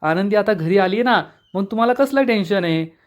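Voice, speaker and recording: A stern elder brother who demands explanations, voiced by a man retelling a serial. His tone is pressing and firm. The voice sits a little high. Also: animated, moderate pace. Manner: stern, questioning.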